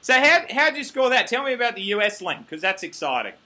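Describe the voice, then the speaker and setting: Australian male host, chatty and jokey, high-pitched and bright-toned. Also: very animated, fast talker. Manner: upbeat, joking, chatty. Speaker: interview host. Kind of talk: casual chat interview.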